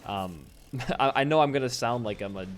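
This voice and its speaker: A nineteen-year-old man co-hosting a podcast, chatty and quick to laugh, often trailing off quietly at the ends of sentences. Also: medium pitch, slight background noise. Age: teens. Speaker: podcast co-host. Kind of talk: casual podcast chat.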